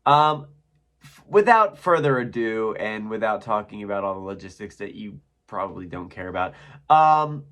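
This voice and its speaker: Chatty excitable man reacting to anime. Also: fairly low pitch, moderate pace. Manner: excitable, chatty, often laughing. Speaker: reaction video host. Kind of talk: casual reaction commentary.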